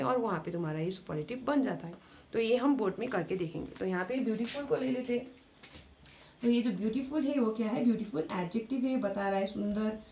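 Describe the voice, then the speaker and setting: A woman's voice: fairly high pitch, a little mellow. A woman with an Indian English accent teaching a grammar lesson, mixing two languages. She keeps asking the class questions and then answering them herself. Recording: slightly dull recording with faint hiss.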